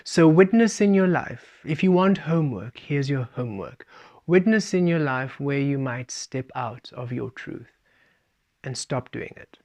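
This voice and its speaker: A man giving a spiritual talk, speaking of himself as "we" and shifting between playful and calm. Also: medium pitch, unhurried. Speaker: spiritual teacher. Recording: dull lo-fi recording.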